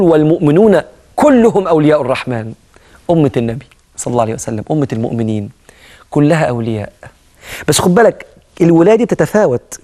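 An earnest Egyptian preacher talks quickly in a somewhat raised voice. He swells to loud emphasis on key phrases, then drops to soft, low asides. It has the feel of a televised religious talk. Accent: Egyptian Arabic.

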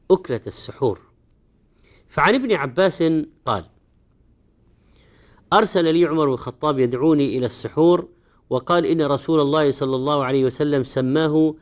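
A man giving a religious lecture as an Islamic preacher in formal standard Arabic, teaching with emphasis on key words. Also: medium pitch.

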